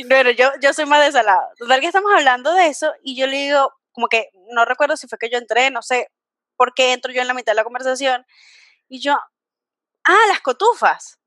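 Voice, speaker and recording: A Venezuelan woman with a high voice hosts a relaxed podcast conversation. She tells stories with lively energy and breaks into laughter often, all recorded close and dry. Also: fairly quick, dry recording. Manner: animated storyteller, laughs often. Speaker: podcast host. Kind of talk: casual podcast chat.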